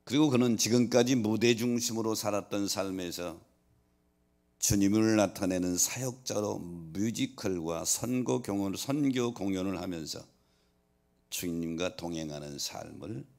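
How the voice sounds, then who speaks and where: A man preaching a sermon as pastor, swinging from loud emphatic scripture quotes to quiet, soft asides. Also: deep voice, creaky.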